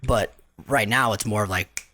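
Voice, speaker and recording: A man's voice: lowish voice, moderate pace, sharp tone, slight background noise. A man from Southern California, a podcast guest, talking about his work in a laid-back, slangy, rambling way full of restarts. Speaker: podcast guest, mural artist. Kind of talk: casual conversation.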